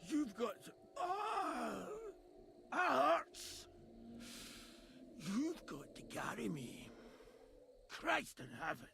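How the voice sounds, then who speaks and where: A man's voice: very high-pitched, huge pitch swings, extremely slow, creaky, pauses often, bright, forceful tone, slight background noise, exaggerated voice. An actor playing a desperate, foul-mouthed injured huntsman in a medieval video game, exclaiming and cursing in a pained way.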